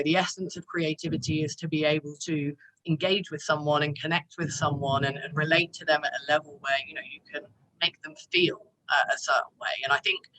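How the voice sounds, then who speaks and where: Woman presenting, really bright crisp edge to her voice, chatty and encouraging. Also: low-pitched, rough recording. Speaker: presenter at a recruitment talk. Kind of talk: conversational presentation.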